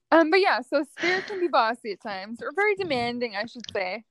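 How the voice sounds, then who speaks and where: A young woman speaks as a guest on a talk show, telling stories in a casual way. She brings them to life by acting out the voices of the people in them. Her voice sits fairly high, and the sound is dry and close. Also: normal speed, no echo. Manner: lively, acts out quoted dialogue. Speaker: psychic medium guest. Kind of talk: casual storytelling chat.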